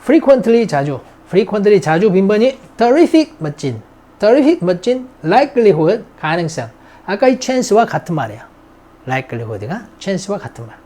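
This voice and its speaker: Lively English-grammar teacher, slow drills. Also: mid-range voice. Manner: drills vocabulary, repeats words, chats to students. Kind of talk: recorded classroom lesson.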